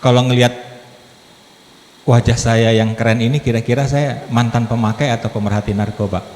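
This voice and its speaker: In an echoey church hall with faint background noise, a man in his fifties gives a joking, conversational sermon as a lay speaker, pulling in the congregation with questions. His mid-range voice is steady, moderately paced and somewhat dark.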